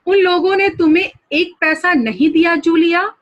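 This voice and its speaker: A woman reading as an irritable, miserly male employer, high-pitched and scolding. He speaks in an agitated, rebuking way as she reads the story aloud to a class. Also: big pitch swings, a little slow, a bit bright, full character voice. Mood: angry. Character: angry stingy male employer.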